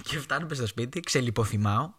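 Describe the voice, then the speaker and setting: A young man from Greece hosts his own podcast and tells stories from his life in a casual way. His voice is bright and forceful. His pitch moves a lot as he acts out the voices of the people in his stories. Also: husky. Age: young adult. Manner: animated, acts out his mother's voice in quoted lines. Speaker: podcast host. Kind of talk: casual storytelling monologue.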